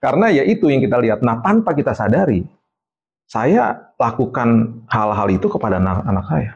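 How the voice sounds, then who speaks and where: Middle-aged guy preacher, chatty lively storyteller, mid pitch. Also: moderate pace, gravelly, lo-fi sound. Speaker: evangelist guest. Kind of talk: casual interview storytelling.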